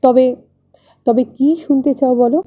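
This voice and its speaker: A woman's voice: high voice, little pitch movement, unhurried. A woman reading the part of a young wife who placates her husband, in a Bengali play reading. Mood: placating. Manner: placating, gently reassuring. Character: young adult wife, soothing and evasive.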